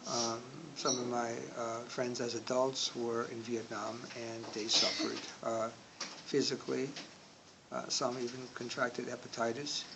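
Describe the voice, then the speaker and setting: Gravelly older man, halting and slow. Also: mid-range voice, flat delivery. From Indonesia. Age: 60s. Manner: slow, hesitant, many filler words. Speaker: interviewee. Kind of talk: oral history interview. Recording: audible background noise.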